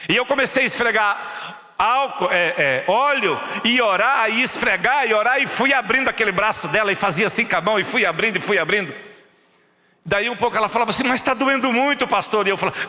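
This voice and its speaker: A man's voice: high voice, in a large hall. A man with a Brazilian Portuguese accent preaching a sermon as pastor, telling stories and acting out the voices of the people in them. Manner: animated storytelling, acts out quoted voices. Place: church.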